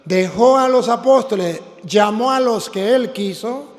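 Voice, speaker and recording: Priest, forceful repetitive preaching, high voice in a reverberant church. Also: male voice, measured pace. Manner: emphatic, repeats lines for the congregation. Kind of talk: sermon.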